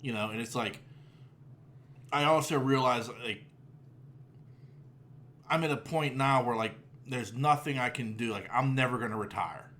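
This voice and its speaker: A man's voice: medium pitch, moderate pace, pauses often, fairly bright tone. A man in his forties hosting a podcast, chatting casually, rambling with lots of fillers, restarts and swearing. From Pittsburgh area. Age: 40s. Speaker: podcast host. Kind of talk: casual chat.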